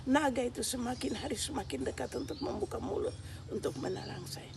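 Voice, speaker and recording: A woman giving a spoken religious testimony, telling her story earnestly and building to loud, tearful intensity. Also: a little high, sing-song, a little fast, noisy background.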